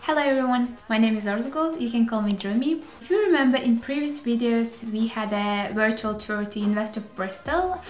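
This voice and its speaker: A woman's voice: a little high, brisk, few pauses, roomy sound. A woman hosting a student vlog, introducing the video and asking questions in an upbeat, straightforward way. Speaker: host and interviewer.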